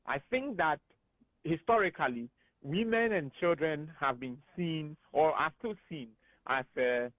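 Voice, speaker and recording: A man with a Ghanaian English accent, speaking as a guest analyst on a radio talk show, animated and emphatic. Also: on the high side, a little slow, no room sound. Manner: animated and emphatic, laughs often. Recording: tinny phone-like radio studio sound.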